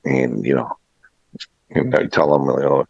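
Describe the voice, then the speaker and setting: A middle-aged man, a restaurant and catering veteran, shares personal stories in a casual interview, reflective and anecdotal, often quoting old conversations. His voice is rumbling, low, gravelly and husky, with a darkish, steady tone and an unhurried pace. The room recording sounds muffled and echoey.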